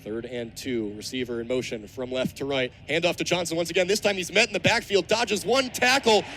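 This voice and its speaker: Sharp in tone and brisk in pace, this fairly high-pitched American man in his twenties calls a football game live for radio. The broadcast comes from an outdoor college football stadium, with ambient noise around him.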